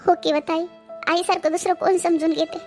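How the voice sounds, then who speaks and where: A woman's voice: extremely high pitch, little pitch movement, a little fast, a little mellow, soft background music. [name], a woman voicing a consoling sister-in-law. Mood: earnest. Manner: consoling, earnest. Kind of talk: cartoon voice acting.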